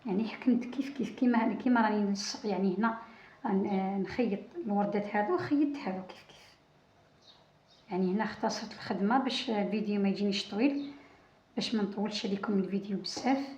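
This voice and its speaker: A woman with an Algerian Arabic accent explains crochet steps as she works, often restarting a phrase or counting aloud. She talks quickly and casually. The recording sounds roomy and a little dull. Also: medium pitch, darkish tone. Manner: talks while working, many restarts and counting. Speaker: crochet channel host.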